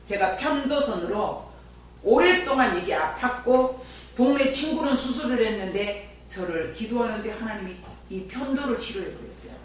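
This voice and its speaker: Woman pastor, lively storytelling sermon; distant mic in a booming church with faint hum. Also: normal speed, heavy reverb. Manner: lively storyteller who chats with the congregation. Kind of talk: sermon with personal testimony.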